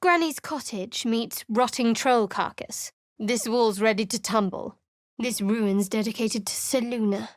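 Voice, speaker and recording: A woman plays a guarded young cleric in a studio video game session, her delivery sarcastic, sardonic and cutting. She speaks a little slowly in a fairly high, natural voice, recorded up close without echo.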